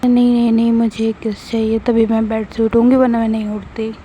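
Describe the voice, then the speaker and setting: A woman's voice: a little high, level tone, a little fast, warm tone, slight background noise, close to an everyday voice. A woman voicing a playful, clingy young woman in love with a whiny, teasing manner.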